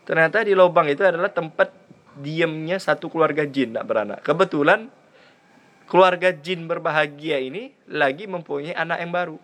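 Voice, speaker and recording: A man teaching a religious study lesson, telling stories in a lively way and acting out voices. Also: fairly high pitch, moderate pace.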